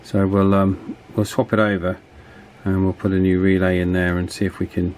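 The hobbyist presenter has a low, slightly mellow voice, speaking in a monotone at a moderate pace. He tinkers through a casual repair demonstration, hesitating as he thinks out loud, in a small office workshop where a table fan's wind noise underlies the clear audio.

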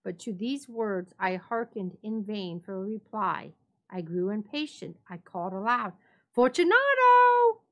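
A woman gives a dramatic reading of a written story. Her pitch sits in the middle range as she narrates from the script. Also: measured pace, muffled recording. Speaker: library staff story reader.

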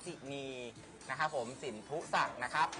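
A man's voice: medium pitch, moderate pace, sharp tone, soft background music. A man hosting a live stream in a playful, bantering way, full of exclamations. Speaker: live show host.

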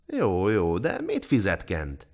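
Brief: man doing a shrewd storybook king, calm and quietly probing. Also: sits low, full character voice.

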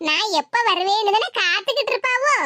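A woman's voice: very high-pitched, animated, a little fast, bright, forceful tone, no room sound, clean studio sound, heavily acted. A woman voicing a proud young married woman in a cartoon, lecturing self-righteously in a Tirunelveli Tamil accent. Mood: smug. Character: young wife, proud and newly respectable.

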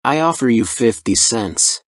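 A man voicing a furious, pompous middle-aged customer in a storybook reading, shouting indignantly. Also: medium pitch, expressive, a little slow, no room sound, studio quality, close to an everyday voice. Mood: outraged.

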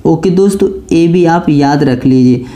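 A man's voice: a little high, measured pace, mellow. A male teacher giving an exam-prep grammar lesson, who keeps asking rhetorical questions and answering them himself, repeating each key point.

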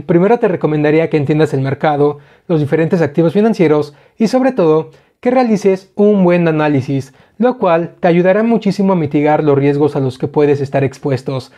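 A young man explains investing in an earnest, direct way. His voice sits high but sounds mellow and soft-edged. He speaks into a lapel mic in a small studio. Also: animated, moderate pace, few pauses. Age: young adult. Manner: earnest, direct address to the viewer. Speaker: finance educator. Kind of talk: scripted explainer to camera. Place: small indoor studio with a screen backdrop.

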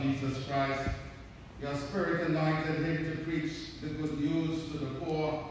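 A man reciting formal communion liturgy as minister, declaiming phrase by phrase in a large echoing church. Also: fairly high pitch. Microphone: far camera in the room. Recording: echoing church hall, distant, faint noise.

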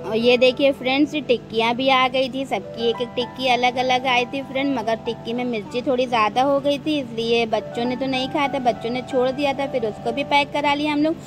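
Female vlogger, slightly high chatty voice-over, music clearly under it. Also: steady tone, fairly quick, hardly any pauses. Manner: chatty, keeps addressing viewers as friends. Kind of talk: family vlog voice-over narration.

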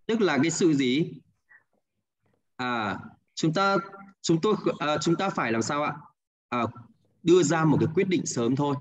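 A man's voice: a little high, animated, normal speed, pauses often. Male Hanoi teacher, patient, checks in often, muffled line. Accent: Hanoi Vietnamese. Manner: patient, repeats answers, ends with "đúng không ạ?". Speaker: English teacher. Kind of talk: online class, guiding students through exercises.

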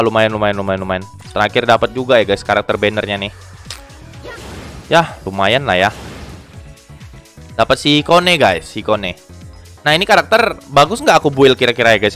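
A man giving casual, excitable commentary on game gacha pulls, groaning, pleading and talking to his viewers. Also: medium pitch. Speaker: gaming YouTuber.

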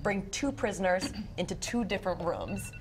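A woman's voice: mid-range voice, animated, moderate pace, soft background music. A young woman news anchor on a morning show panel, explaining research step by step in a chatty way. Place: TV news studio.

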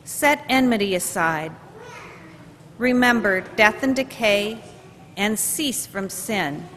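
A woman lector giving a formal, measured scripture reading at a lectern in a large church. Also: medium pitch, expressive, fairly bright tone, slight background noise. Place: large church, far from the camera. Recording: distant church recording with long reverb.

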